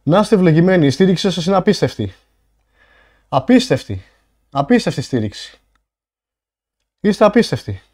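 A male livestreamer with a somewhat high voice, chatting casually with his viewers. He is out of breath and bursts into excited thanks for donations. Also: pauses often.

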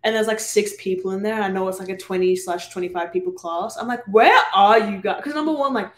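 A woman's voice: mid-range voice, fast talker. A young woman with an Australian accent, co-hosting a casual podcast chat, talking in a rambling way with lots of fillers and restarts. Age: young adult. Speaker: podcast co-host.

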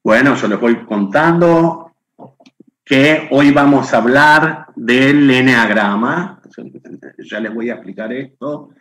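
A middle-aged man from Argentina chats with viewers during a live webinar he hosts by webcam from his home, greeting them by name. He speaks slowly in a slightly bright, medium-pitched voice with an Argentine Spanish accent.

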